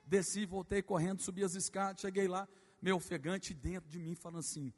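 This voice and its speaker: Brazilian pastor preaching in a reverberant hall. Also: male voice, high voice, fairly even intonation, brisk, breathy edge. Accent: Brazilian Portuguese. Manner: shifts from quiet storytelling to loud fervent preaching. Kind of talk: sermon with storytelling. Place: church sanctuary.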